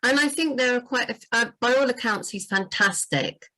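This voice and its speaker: A woman's voice: on the high side, a little fast, bright, forceful tone, poor audio. A woman, a book editor, talking casually about writing, full of "you know" and restarts. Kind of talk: casual livestream chat.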